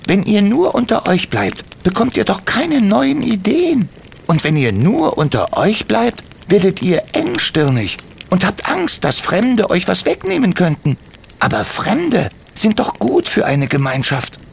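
A man's voice: high-pitched, huge pitch swings, measured pace, creaky, a little hiss or hum, pitched above the performer's own voice, exaggerated voice. A man playing a bearded, earnest gnome father. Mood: earnest, firm. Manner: earnest, patiently lecturing, repeats questions. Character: kind, firm father forest gnome with beard.

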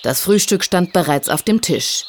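A woman narrates a children's storybook with an expressive, measured delivery. Her voice is low but lively in its rise and fall. A faint hiss runs underneath.

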